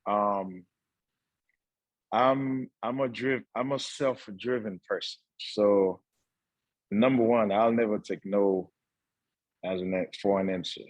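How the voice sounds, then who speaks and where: Deep husky-voiced man from Haiti. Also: fairly even intonation, dry recording, low-quality recording. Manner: earnest, halting, many fillers. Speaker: guest entrepreneur. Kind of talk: casual talk-show conversation.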